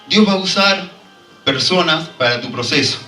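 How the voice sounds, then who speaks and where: A man's voice: fairly high pitch, expressive, moderate pace, bright, forceful tone, echoey room, far from the mic, faint music behind, poor audio. A man preaching a fervent sermon and drawing call-and-response from the congregation. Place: church hall.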